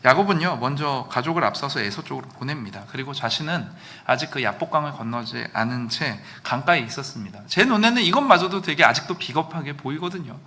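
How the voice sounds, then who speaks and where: A male pastor preaching a sermon in a church, lively, now and then acting out quoted lines loudly. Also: mid-range voice, fast, few pauses. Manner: animated, acts out quoted lines with sudden loud outbursts. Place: church sanctuary.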